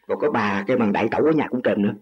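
A man's voice: fairly low pitch, racing. An older man speaking humbly and formally, with self-deprecating jokes. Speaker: husband of a student. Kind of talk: formal respectful speech. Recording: dull lo-fi recording.

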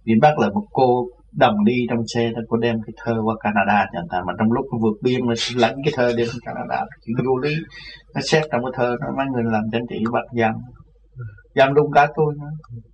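A man telling a personal religious story in an animated way, often laughing. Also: medium pitch, a little fast. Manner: animated, laughs often, voices others in his tale. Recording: lo-fi with faint background noise.

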